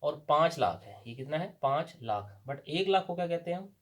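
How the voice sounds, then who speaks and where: A man's voice: fairly high pitch, animated, moderate pace. A man with a Pakistani Urdu accent teaching a language lesson at a board, patiently asking questions and answering them himself.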